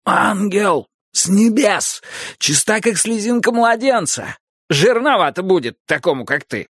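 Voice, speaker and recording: A man voicing a brash, mocking young man in an audiobook, loud and theatrical. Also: mid-range voice, lively intonation, moderate pace, no room sound, studio quality, lightly acted. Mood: teasing. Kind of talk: audiobook character voice.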